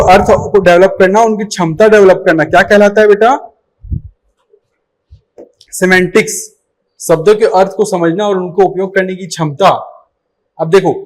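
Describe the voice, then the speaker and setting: A young male teacher with a high-pitched voice gives a live online lecture for exam candidates. He works through the material step by step, poses questions to the class, and supplies the answers himself. He talks to his students with a fond, familiar "beta". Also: poor audio. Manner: calls students 'beta' affectionately.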